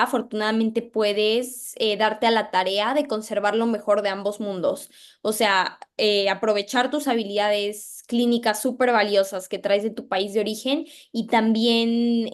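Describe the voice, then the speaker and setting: Young Mexican woman, thoughtful and measured. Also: mid-range voice. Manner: measured, thoughtful explanations with frequent fillers. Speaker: medical resident, interview guest. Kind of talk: casual interview answers.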